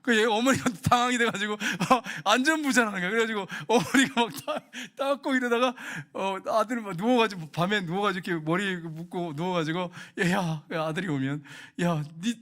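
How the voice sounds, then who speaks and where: A man preaching a sermon in a church, telling a lively story, acting out the quoted lines and chuckling along the way. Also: sits high, fairly quick, hardly any pauses. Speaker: pastor. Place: church sanctuary.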